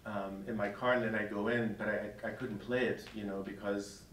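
Chuckling through a story for his parishioners, a middle-aged priest talks casually before an audience in a church hall. His lowish voice is fairly bright but flat in delivery, at a moderate pace. The recording has echo from the hall, a faraway mic, and a faint hiss or hum.

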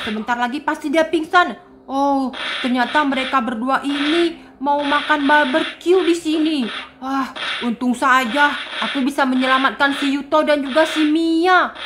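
A woman narrating and voicing a school game role-play, talking excitedly to her viewers as friends. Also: high voice, a little hiss or hum.

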